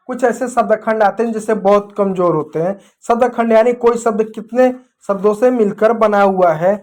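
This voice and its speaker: High-voiced man teaching. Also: darkish tone. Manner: explains step by step, asks the viewer questions; writes on a board while talking. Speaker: English teacher. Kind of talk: classroom lesson.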